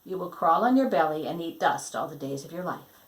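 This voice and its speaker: A woman reading a storybook, voicing a stern, commanding God in a measured manner. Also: low voice, expressive, roomy sound.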